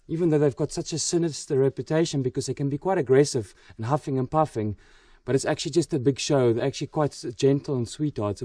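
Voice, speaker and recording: A man presenting wildlife to camera outdoors at night, full of wonder and often dropping to a hushed, gentle voice. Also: mid-range voice, no room sound, far from the mic. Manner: awed, repeats exclamations of wonder. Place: outdoors at night in a forest by water.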